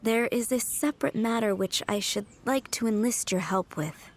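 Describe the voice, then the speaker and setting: A woman's voice: fairly high pitch, moderate pace, close to an everyday voice. A woman voicing a courteous, composed head housemaid in a video game, with polite, formal phrasing. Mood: concerned. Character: poised, courteous adult female head housemaid. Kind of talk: video game character acting. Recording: music under the voice.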